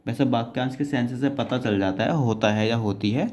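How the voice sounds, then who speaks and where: A man's voice: medium pitch, moderate pace, a little mellow. A man teaching shorthand, patiently explaining each word and checking in with his students as he goes. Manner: patient, keeps adding "है ना" and calling students "बेटा".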